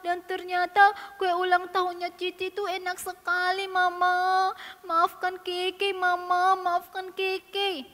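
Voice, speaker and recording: A woman voicing a curious, mischievous little younger sibling who talks in a slow, pleading childlike way. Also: extremely high pitch, animated, bright, forceful tone, long reverb tail, voice pushed up, full character voice. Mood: apologetic.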